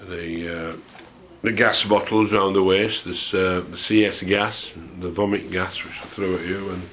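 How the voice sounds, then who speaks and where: A man in his sixties telling a personal memory, unhurried and hesitant, with a dry, wry humour. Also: low voice, steady tone, fairly bright tone, slight background noise. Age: 60s. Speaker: storyteller recalling a student memory. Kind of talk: unscripted spoken memoir. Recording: dull lo-fi home recording.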